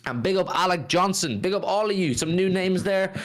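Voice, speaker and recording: A man's voice: high-pitched, lively intonation, a little fast, a bit bright. A British man hosting a football fan live stream, chatting casually in a blokey, enthusiastic way and repeating phrases for emphasis.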